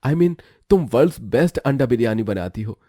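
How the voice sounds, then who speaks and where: A man's voice: mid-range voice, expressive, moderate pace, mellow, no room sound, studio quality, natural voice. A man voicing an earnest young hero. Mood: encouraging. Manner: firm and earnest. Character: brave young man in his twenties.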